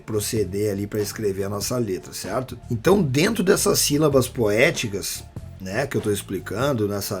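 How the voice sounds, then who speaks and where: A man with a Brazilian Portuguese accent teaching a casual online rap workshop, explaining things in a relaxed, slangy way with lots of fillers. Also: fairly low pitch.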